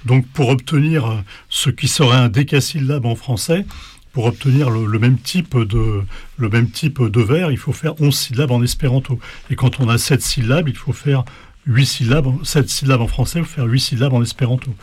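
A man giving an informal lecture to an audience, talking in a halting way with frequent restarts. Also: medium pitch, a little mellow, breathy edge, dry recording. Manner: hesitant, halting, with many restarts.

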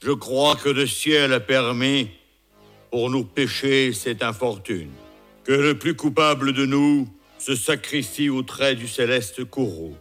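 A proud lion king from a recited fable, read by a man. He declaims slowly and gravely in a bright voice. Every phrase is weighed. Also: mid-range voice, faint music behind. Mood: solemn. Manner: slow, solemn declaiming.

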